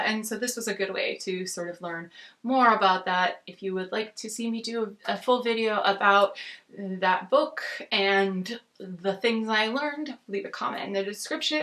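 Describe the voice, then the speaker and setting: An American woman with a bright, forward voice at an ordinary female pitch gives a casual book review. She rambles in a halting way, often breaking off and rewording her thoughts. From United States. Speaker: book reviewer on a video channel. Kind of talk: casual book chat to camera.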